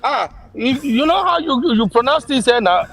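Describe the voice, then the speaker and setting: A man's voice: very high-pitched, big pitch swings, normal speed, a crowd in the background. A middle-aged man with a Nigerian Yoruba accent in casual discussion, speaking emphatically and repeating words for stress.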